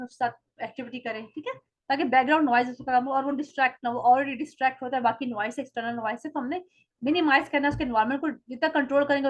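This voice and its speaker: A woman giving a presentation to parents on child development. She reads English slide points slowly, then explains them in Hindi. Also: sits high, muffled recording.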